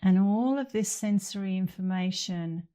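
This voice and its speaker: A middle-aged woman with a mid-range voice guides a meditation as an instructor. She speaks gently, leaving long pauses between phrases.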